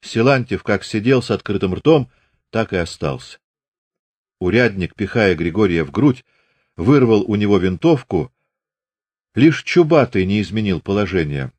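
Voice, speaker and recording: A man with a fairly low voice reads literary prose at a steady, measured pace. The recording is close and dry, with no room sound. He sounds like an audiobook narrator. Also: no echo.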